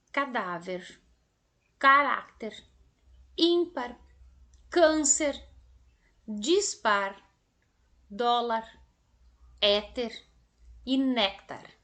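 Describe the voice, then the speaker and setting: A woman primary school teacher with a Brazilian Portuguese accent, giving a recorded lesson to children in a slow, didactic way that stretches words out for emphasis. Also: a little high, fairly bright tone.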